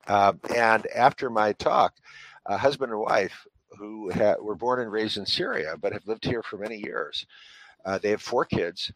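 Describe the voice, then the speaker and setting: A man with a low voice, speaking as a parenting author in an interview. He explains and advises in an earnest, instructive tone, pausing on fillers as he builds his points. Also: a bit bright, low-quality recording. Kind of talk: interview answers giving advice.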